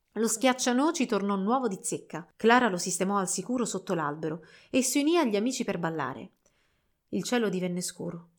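Woman reading a fairy tale calmly. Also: medium pitch. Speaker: narrator. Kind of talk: storybook narration.

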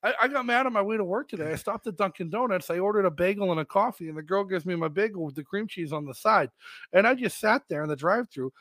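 A man hosts a casual podcast, telling stories in a lively way and laughing often. His voice sits a little high, and the sound is close and dry with no room echo. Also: fast talker. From New Hampshire, United States. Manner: animated storyteller, laughs often. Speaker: podcast host.

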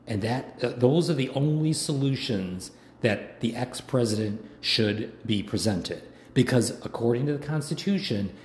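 A hoarse man giving a rambling, indignant political monologue, full of ums and uhs. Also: mid-range voice. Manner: rambling, indignant ranting with many fillers. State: hoarse from long talking. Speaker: political commentator. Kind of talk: casual monologue. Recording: echoey room, faint background noise.

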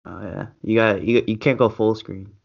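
A man's voice: fairly low pitch, fairly even intonation, moderate pace, vocal fry. A young American man in casual podcast banter, talking in slangy frat-bro fashion from an echoey room. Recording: echoey room, dull lo-fi audio.

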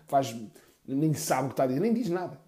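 A man doing stand-up storytelling, crude and rambling with deadpan asides. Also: mid-range voice, brisk. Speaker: comedian.

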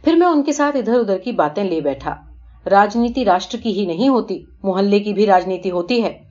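Brief: woman storyteller, steady expressive reading; dull lo-fi recording. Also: mid-range voice. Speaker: narrator.

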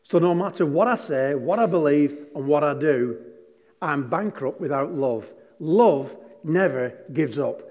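A man's slightly high, darkish voice, expressive and unhurried, fills a large congregational hall as he preaches. The pastor tells joking, chatty stories and reads scripture emphatically; the recording has long reverb and its highs are cut off.

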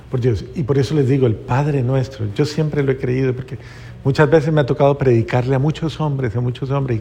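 Male priest, earnest and emotional sermon, gravelly tone, heard with a long echo. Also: mid-range voice, dark tone. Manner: earnest, emotional, repeats phrases for emphasis. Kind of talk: sermon with a personal story. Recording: long reverb, faint background noise.

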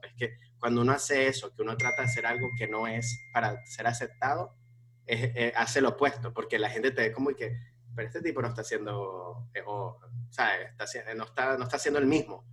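A man's voice: medium pitch, a little hiss or hum. A man, a stand-up comedian, talking casually with lots of restarts and fillers. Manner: animated, many restarts and fillers. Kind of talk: casual conversation.

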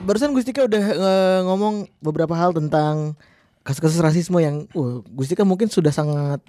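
A man's voice: on the high side, fairly quick, warm tone, no room sound, studio quality, soft background music. A man co-hosting a casual podcast, joking and slipping in English phrases. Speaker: podcast co-host. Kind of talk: casual chat.

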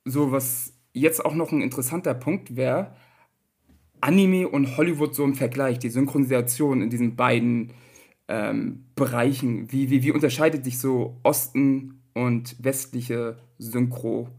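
A man with a somewhat husky voice co-hosts a casual podcast. He asks his guest questions in a friendly, relaxed way. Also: mid-range voice, a little slow. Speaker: podcast co-host.

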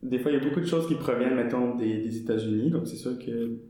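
A young man with a Québécois French accent talks in a relaxed, halting way, full of fillers and self-corrections. His voice sits at a middle pitch. It sounds very roomy and echoey. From Quebec. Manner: hesitant, full of fillers and restarts. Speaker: interviewee. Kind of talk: casual interview. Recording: very echoey room.

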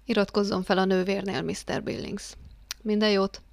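A woman voicing a calm, measured male psychiatrist who speaks softly and clinically. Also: mid-range voice, gravelly, dry recording, natural voice.

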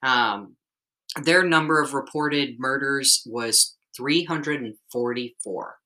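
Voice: mid-range voice, slow, bright, forceful tone, poor audio. A podcast host presenting a top ten countdown in a conversational way, reading out figures and adding chatty asides. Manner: reads figures out, then adds chatty asides with tag questions.

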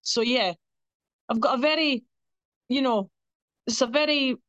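Woman, Scottish accent, young adult, chatty and animated, high voice, dry close sound. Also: measured pace, no echo, highs cut off. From Scotland. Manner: chatty, animated storyteller who laughs often. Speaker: guest. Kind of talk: casual chat.

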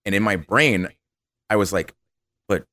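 A low-pitched man, speaking a little fast, tells stories as a guest in a casual podcast interview. He's animated and acts out the voices of people he quotes, with no room sound in the recording.

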